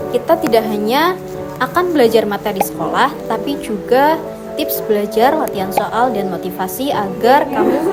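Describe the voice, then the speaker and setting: Cheerful young woman over loud music. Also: a little high. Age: young adult. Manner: upbeat, encouraging. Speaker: tutor. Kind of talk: scripted self-introduction in a class role-play.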